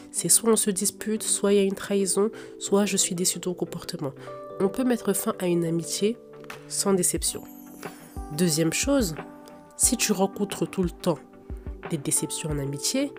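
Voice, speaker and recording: A young woman hosting a podcast with a blocked nose and a cold, giving direct, informal advice straight to the listener. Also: fairly low pitch. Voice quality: congested, blocked-nose nasal voice. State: sick with a cold and sore throat. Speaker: podcast host. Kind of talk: casual advice monologue to listeners. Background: faint background music.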